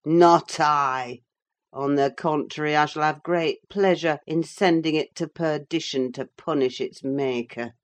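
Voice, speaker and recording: A drunken, menacing young father snarls out reckless threats, as a woman reads him. The voice sits low and drags along slowly. It is heard in a storybook reading. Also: fairly even intonation. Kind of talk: audiobook character reading.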